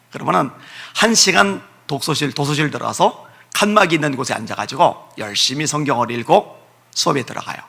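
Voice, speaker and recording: Male revival pastor, sharp forceful tone, slightly raspy, emphatic storyteller in church. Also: a little high. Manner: tells personal stories with emphatic repetition. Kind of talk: revival meeting sermon. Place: church sanctuary.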